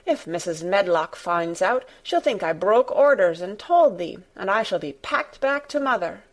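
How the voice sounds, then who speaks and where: A woman's voice: mid-range voice, expressive, normal speed. Woman voicing an agitated young housemaid. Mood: anxious. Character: agitated young Yorkshire housemaid, superstitious and plain-spoken.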